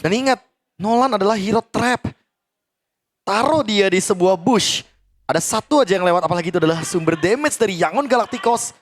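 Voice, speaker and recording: A man's voice: high-pitched, animated, fairly quick. A man commentating on a live esports match as an analyst, explaining the play as it unfolds.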